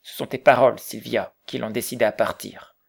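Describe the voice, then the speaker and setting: A man reading the part of an old Quaker, earnest and gently reproachful, in an audiobook. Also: mid-range voice, fairly even intonation, fairly quick, vocal fry, breathy edge.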